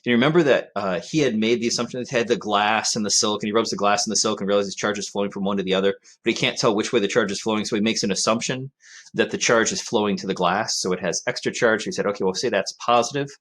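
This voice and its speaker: A man's voice: lowish voice, fairly even intonation, quick pace, fairly bright tone. A man talks through a physics lesson. His delivery is conversational, with fillers and frequent "right?" prompts to the student. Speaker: physics teacher. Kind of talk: recorded classroom lecture.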